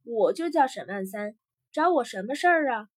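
A woman voicing a poor, meek old man in rags who answers quietly and pleads, in a storybook tale. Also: very high voice, animated, moderate pace, dry recording, clean studio sound.

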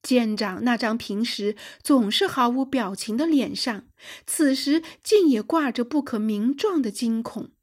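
A woman's voice: on the high side, measured pace, breathy edge. A woman narrating a sci-fi adventure audiobook for young listeners, telling it expressively. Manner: expressive storytelling.

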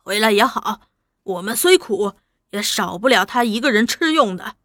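A woman voicing a calm, earnest man who leads a village, speaking gently in a storybook reading. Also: medium pitch, normal speed, no echo, clean studio sound.

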